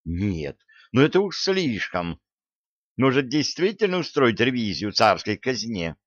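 A man voicing a stern, sharp-tongued tsaritsa who mocks and scolds. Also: mid-range voice, very animated, measured pace, no room sound. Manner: stern, mocking. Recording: dull lo-fi dry recording.

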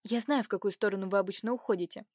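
A naive eighteen-year-old noble girl, bright and eager when she speaks, as a woman reading the story voices her. Her voice sits at a middle pitch. The sound is close and dry. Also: steady tone, racing, no echo, natural voice. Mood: pleading, indignant.

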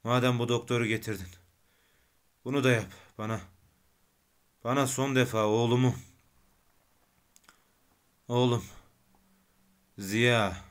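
A man voicing a dying, irritable man with tuberculosis who grumbles bitterly and bursts into shouting. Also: medium pitch, steady tone, slow pace, long pauses, lightly acted. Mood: grumbling.

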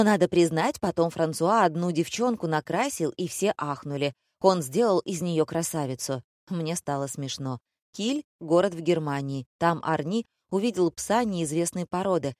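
A woman's voice: lowish voice, darkish tone, dry recording. Woman narrating with dry ironic wit. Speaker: audiobook narrator. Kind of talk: first-person audiobook narration.

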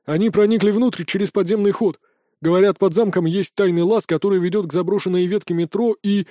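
A man's voice: high voice, fairly even intonation, brisk, mellow, no room sound, clean studio sound, close to an everyday voice. A man voicing a dutiful male soldier giving a formal report to his lord in an audiobook. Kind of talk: audiobook character voice.

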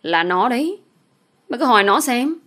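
A woman's voice: fairly high pitch, sing-song, normal speed, pushed and bright, voice pushed up. A woman voicing a crude, taunting male ex-lover in an audio story, in a mocking, lewd manner. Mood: snarling.

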